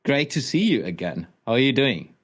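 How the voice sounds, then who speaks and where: A man's voice: medium pitch, very animated, moderate pace, a bit bright, slightly rough. A man co-hosting a podcast, introducing a guest in a friendly, casual way with frequent restarts. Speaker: podcast co-host.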